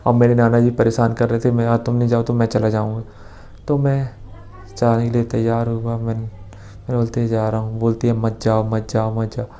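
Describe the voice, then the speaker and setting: A man's voice: medium pitch, monotone, normal speed, warm tone. A young man casually telling a personal story, rambling with restarts and quoting dialogue. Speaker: vlogger.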